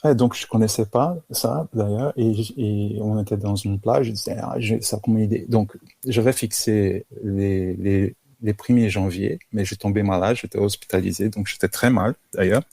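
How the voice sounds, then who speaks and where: A man from Brazil speaking French with a Brazilian accent, his voice low and gravelly. He talks in a casual interview, halting and restarting often. The sound is dry and close. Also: fairly even intonation, dark tone, no echo. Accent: Brazilian Portuguese. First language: Portuguese. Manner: halting, many restarts and fillers. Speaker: guest photographer.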